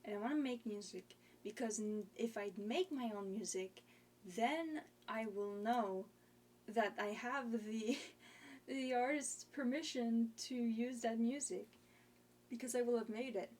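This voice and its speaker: A woman's voice: a little high, a little slow, a little mellow. A young woman streamer in casual chat, rambling and hesitant with lots of fillers.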